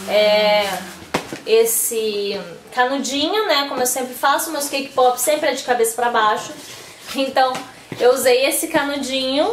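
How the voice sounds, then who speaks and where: A woman with a high, bright voice chats casually as she walks through her homemade party crafts one step at a time. Her voice rings in an echoey room at home, with a faint hiss behind it. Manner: chatty, explains step by step. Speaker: vlogger. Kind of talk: casual craft vlog chat.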